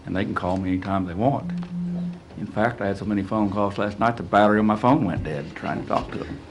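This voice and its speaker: A man's voice: fairly low pitch, fast, a little hiss or hum. A man council member speaking plainly and in a friendly way into a desk microphone in a council chamber. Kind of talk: remarks at a council meeting.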